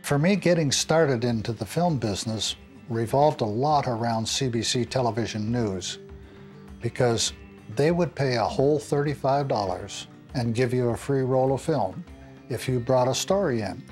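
A man's voice: medium pitch, normal speed, a little mellow, soft background music. Matter-of-fact man recalling his start. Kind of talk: interview reminiscence.

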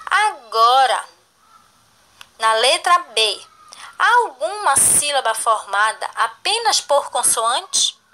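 A woman teaching a recorded lesson to young children, slow and cheerful, praising answers. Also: high voice, big pitch swings, sharp tone. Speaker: primary school teacher.

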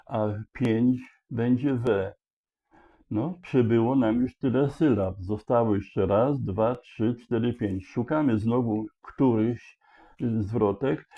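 Male puzzle explainer, unhurried and halting, restarts mid-phrase; dull lo-fi recording. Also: lowish voice, creaky. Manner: thinks aloud with many hesitations and restarts. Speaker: puzzle solver explaining a charade. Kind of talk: slow explanatory walkthrough. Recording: dull lo-fi sound.

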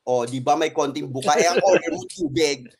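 A man in casual panel banter, campy and teasing, breaking into loud laughs. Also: a little high, lively intonation, brisk, over a noisy crowd.

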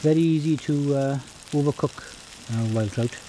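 A Welsh man in his fifties giving a relaxed, chatty cooking demonstration outdoors on a beach, with many ums and uhs. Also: fairly high pitch, moderate pace, noisy background. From Wales. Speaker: forager and outdoor cook.

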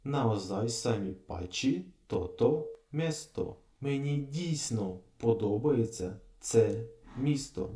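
Man, language teacher, slow careful repetition, dark mellow voice, echoey room. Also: mid-range voice, expressive. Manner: repeats phrases slowly, thinks aloud. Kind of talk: casual language lesson.

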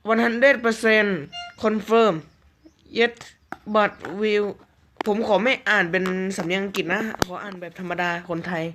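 A man chatting casually through mobile game news, joking around and reading out English slowly word by word. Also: high-pitched, steady tone, music in the background. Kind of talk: casual commentary.

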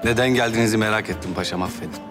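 Man playing a defiant ottoman pasha, low and quick, music behind. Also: close to an everyday voice. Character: defiant Ottoman pasha blackmailing his superior. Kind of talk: period TV drama acting.

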